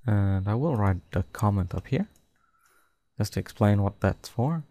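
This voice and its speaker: Slow, low-voiced man dictating code. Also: expressive, mellow, no room sound. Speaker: tutorial host. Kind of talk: screen-recorded coding tutorial.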